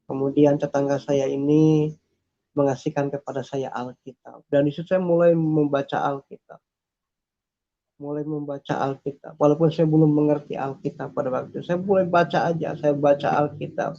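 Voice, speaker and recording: A man with a gravelly, dark voice shares a personal faith testimony, earnest and repetitive, often stopping with small fillers. His pitch stays flat and level. The recording sounds dull and lo-fi. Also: moderate pace. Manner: earnest, repeats phrases, hesitates with fillers. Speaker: testimony speaker.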